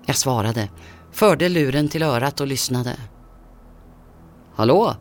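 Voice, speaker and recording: A man reading a first-person horror story aloud as scripted narration, in a tense, measured way. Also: mid-range voice.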